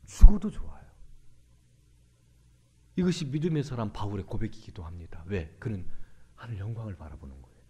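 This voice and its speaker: Male pastor, husky, lively pitch, sermon delivery with dramatic swings in volume. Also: quick pace. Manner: animated preaching, swings from loud to hushed.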